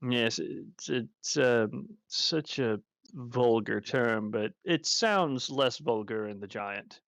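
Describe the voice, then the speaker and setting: A man running a tabletop game as game master, narrating and speaking in character as a courteous, talkative ogre, often in quick bursts. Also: medium pitch, gravelly, a bit bright, no echo.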